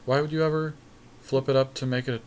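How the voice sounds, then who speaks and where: Speaking a bit quickly in a flat, medium-pitched voice, this man co-hosts a podcast. He chats informally and reasons out loud about his choices in a card game draft.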